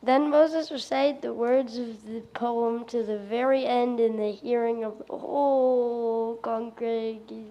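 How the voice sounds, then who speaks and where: A woman's voice: a little high, steady tone, slow pace, few pauses, dull audio. A woman reading scripted narration aloud in an amateur play, stumbling now and then over words. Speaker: reader in a congregational skit.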